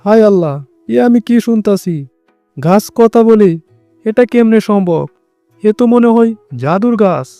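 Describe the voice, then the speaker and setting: A man voicing an earnest high-voiced cartoon fox. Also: fairly even intonation, moderate pace, dark tone, smooth, dry recording, faint music behind, natural voice. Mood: amazed. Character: good-hearted poor woodcutter fox, devoted husband and father. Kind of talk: cartoon voice acting.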